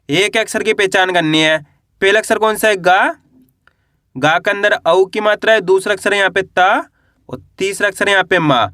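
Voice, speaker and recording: A man teaching children to read words in an online lesson. He spells slowly syllable by syllable, asks a question, and answers it himself on a low word. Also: pushed and bright, no room sound, clean studio sound. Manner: slow, drawn-out syllable spelling. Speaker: Hindi reading teacher.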